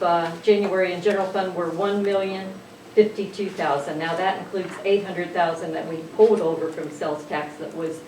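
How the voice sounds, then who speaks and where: A woman with a fairly low voice reads out account balances in a rush, stumbling over fillers. She sits away from the mic in an echoey council chamber. Steady background noise runs underneath. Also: recorded from a distance. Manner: rushed, reeling off figures with fillers. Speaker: city finance officer. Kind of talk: reading a financial report at a council meeting. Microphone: distant room mic.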